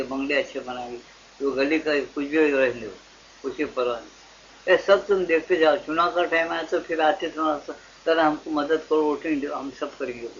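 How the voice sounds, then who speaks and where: An older man from India delivers a spiritual discourse, often pausing to ask his listeners questions. His voice sits a little high for a man. It reaches us on a dull, lo-fi archival tape with a faint hiss underneath. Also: a bit bright. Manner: asks listeners rhetorical questions and acts out dialogues. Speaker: spiritual teacher. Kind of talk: devotional discourse to an audience. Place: satsang gathering hall.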